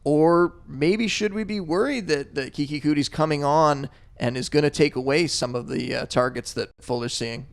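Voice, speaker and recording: A man's voice: a little high, normal speed, vocal fry, few pauses. A man hosting a casual podcast, laying out stats before asking his guest a question. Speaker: podcast host.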